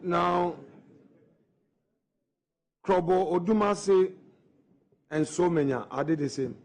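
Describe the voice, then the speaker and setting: A higher-voiced man leads formal questioning at a parliamentary hearing. He drags out key phrases slowly and deliberately. He keeps returning to the same point, pushing for a clear answer. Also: darkish tone. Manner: slow, deliberate, pressing questions. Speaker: committee member questioning the nominee.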